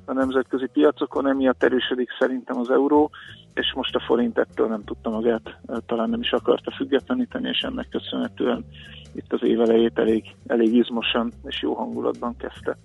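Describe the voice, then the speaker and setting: A man's voice: mid-range voice, completely flat delivery, vocal fry, husky. A man giving market commentary on the radio in a hesitant, explanatory way, with many filler sounds. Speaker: financial analyst guest. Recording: phone-like radio line with faint music.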